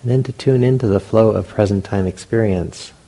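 Leading a guided meditation, this teacher has a fairly low male voice. His phrases are short and gentle, delivered unhurriedly with long silences in between.

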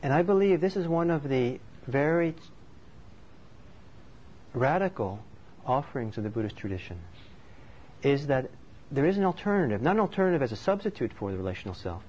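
The man from Norway, a meditation teacher, talks through a dharma lesson in an unhurried, thoughtful, conversational manner, very animated and a little mellow at a middle pitch. His audio is slightly muffled with a faint hiss.

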